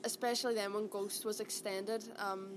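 A woman's voice: medium pitch, level tone, moderate pace. A young woman with a Derry accent from Northern Ireland, chatting casually and colloquially as an actor being interviewed. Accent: Derry, Northern Irish. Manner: chatty, colloquial, peppered with "aye" and "like". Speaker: actor interviewed about a play. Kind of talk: casual chat. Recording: clearly noisy background ambience.

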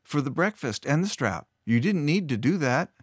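An earnest, slightly naive young man with a raised, eager voice, as a male storyteller puts him on. He speaks quickly and sincerely, with the close, dry sound of a home recording. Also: a little high, big pitch swings, breathy edge, no echo, voice pushed up. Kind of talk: storybook narration.

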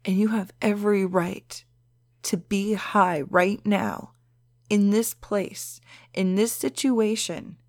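Slow, creaky-voiced, stoned woman podcaster. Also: mid-range voice, steady tone, darkish tone, dry recording, studio quality. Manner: stoned, unhurried, drifting delivery; frank, casual swearing. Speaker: podcast host. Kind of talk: casual solo podcast monologue.

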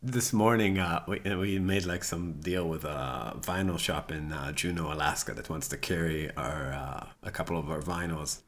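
A middle-aged man from Israel, a musician being interviewed, talking casually with halting restarts. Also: very deep voice, fairly even intonation, a bit bright, a little hiss or hum. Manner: halting, many restarts and fillers. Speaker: musician guest.

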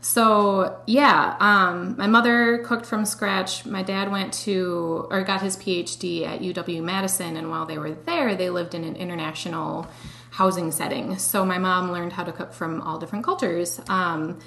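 A young woman guest chats easily about her work, relaxed and a little wry. The room sounds echoey, with a faint hum underneath. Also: on the low side, moderate pace. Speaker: dietitian guest. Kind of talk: casual interview.

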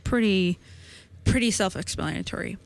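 A woman's voice: mid-range voice, normal speed, vocal fry. Twenty-something woman explaining science casually. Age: 20s. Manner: explains a study step by step in a conversational way. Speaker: podcast co-host presenting science news.

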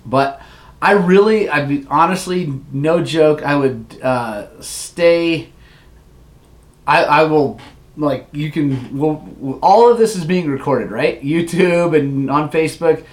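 A man's voice: fairly high pitch, slow pace. A man hosting a casual livestream who rambles through a story, laughs often and reads viewer comments aloud. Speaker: livestream host.

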